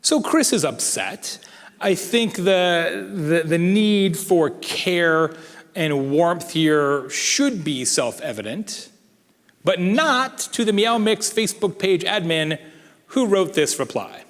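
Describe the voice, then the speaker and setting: A man giving a conference keynote in an animated, conversational and emphatic way. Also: high-pitched, slow pace. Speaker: keynote speaker. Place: large conference hall. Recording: echoey hall.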